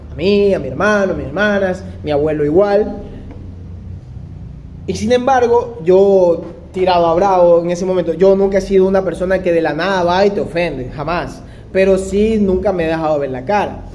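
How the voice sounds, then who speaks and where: A young man with a high, mellow voice tells a personal story from his own life. He keeps it animated and slips into the voices of the people he quotes. A faint hum sits under the recording. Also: normal speed. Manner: animated, acts out quoted dialogue. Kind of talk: first-person anecdotal monologue.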